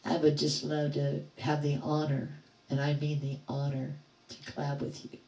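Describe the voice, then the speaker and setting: Low, dark-toned, and monotone at normal speed, an older woman chats cheerfully with viewers during a music livestream, calling them by name from her home in a trailer park. She's far from the mic in a roomy recording.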